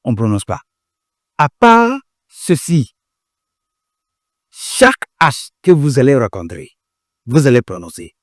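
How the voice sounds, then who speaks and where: Guy from ghana teaching pronunciation, slow and bouncy pitch, dry sound. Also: wildly swooping pitch, dry recording. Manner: repeats words slowly, drilling pronunciation. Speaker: language teacher. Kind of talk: pronunciation lesson. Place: language school classroom.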